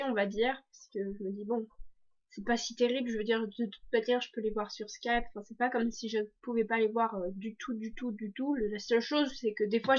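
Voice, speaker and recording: A teenage girl from France chats through her video diary, her voice sitting a little high. She talks loosely, full of fillers and restarts. The sound is dull and lo-fi. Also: a little mellow. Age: teens. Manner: chatty, many fillers and restarts. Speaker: exchange student vlogger.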